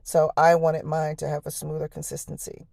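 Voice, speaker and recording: A woman with an American accent speaks in a low, harsh voice, hoarse as if worn out. Her delivery is flat and mellow, a casual and folksy cooking narration. She talks straight to the viewer in a chatty, homely way. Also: moderate pace, dry recording, clean studio sound. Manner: folksy, chatty, addresses viewers as y'all and honey. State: hoarse, voice lost from the night before. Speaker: home cook, vlog host.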